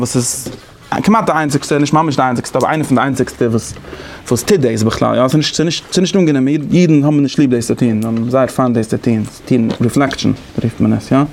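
A man's voice: medium pitch, a little mellow, slight background noise. A man giving a lecture, explaining conversationally and thinking aloud as he goes. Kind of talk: lecture on interpretation methods.

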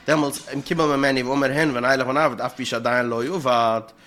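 A man in a religious law study session, reasoning aloud in a halting way and repeating words as he thinks. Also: medium pitch, fairly even intonation, fairly bright tone, slight background noise. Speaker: study partner. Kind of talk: religious text study discussion.

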